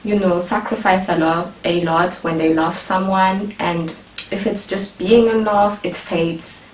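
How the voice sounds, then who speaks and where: A woman's voice: lowish voice, fairly even intonation, unhurried. A young woman hosting a casual youth discussion show, chatty and thinking aloud with fillers, filmed indoors. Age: young adult. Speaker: host. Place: indoor living room. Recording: roomy, distant camera audio with faint hiss.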